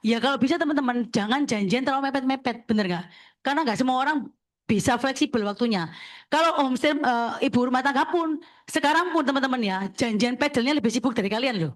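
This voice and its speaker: A woman speaking quickly in a somewhat high voice. She coaches like an insurance team leader, giving step-by-step tips and tossing back checks to her listeners. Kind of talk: sharing tips at a talk session.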